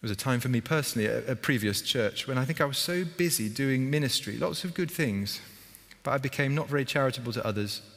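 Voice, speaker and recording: A man preaches a sermon in an easy, conversational way and keeps turning questions to the congregation. His mid-pitched voice carries a long church reverb. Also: expressive, fast talker, few pauses, fairly bright tone. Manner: conversational, asks the congregation questions, acts out scenes.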